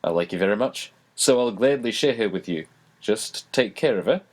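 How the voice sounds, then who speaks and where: Male narrator voicing a breezy, genial man, low voice, easy confidence. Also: animated, moderate pace.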